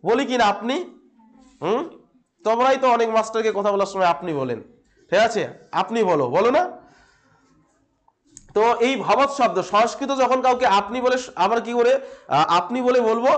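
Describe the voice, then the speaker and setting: A male teacher with a Bengali accent gives a classroom grammar lesson, asking questions and repeating the answers as he checks on his students. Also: very high-pitched.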